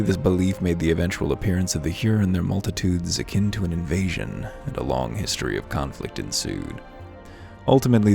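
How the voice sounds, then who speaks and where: A gravelly, low-pitched man narrates a video game playthrough as its host, switching from casual asides to reading aloud with wry, musing articulacy. Music can be heard in the background.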